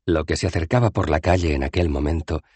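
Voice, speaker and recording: A man with a husky voice narrating an audiobook in a measured, expressive reading. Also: very deep voice, dry recording. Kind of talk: scripted narration.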